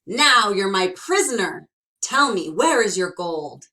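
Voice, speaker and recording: A woman's voice: medium pitch, sing-song, slow pace, pushed and bright, exaggerated voice. Clever, boastful young farm lad, eager, voiced by a woman reader. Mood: fierce.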